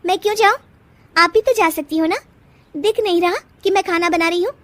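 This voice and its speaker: A woman doing a feisty, sharp-tongued young wife. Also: very high-pitched, no room sound, voice pushed up. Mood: defiant. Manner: indignant, quick retorts.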